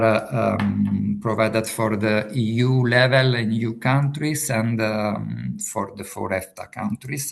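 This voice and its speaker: A man presenting slides over a video call, speaking haltingly with many filler sounds. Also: lowish voice, vocal fry. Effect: remote voice on a video call. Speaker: workshop presenter.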